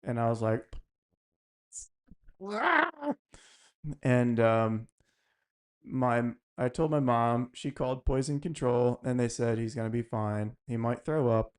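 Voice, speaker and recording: A man's voice: mid-range voice, unhurried, clean tone. Laid-back man sharing an anecdote. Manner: relaxed, laughs easily, rambling anecdotes. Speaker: podcast host. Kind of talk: casual chat.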